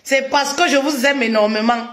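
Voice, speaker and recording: A woman's voice: high voice, normal speed, fairly bright tone. A woman hosting a casual live stream, chatty and repeating her greetings again and again.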